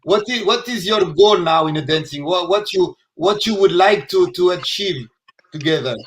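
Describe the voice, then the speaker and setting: A man's voice: sits high, expressive, normal speed, fairly bright tone, slight background noise. A man hosting a live video-call interview, asking questions hesitantly and repeating his words as he goes. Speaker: host.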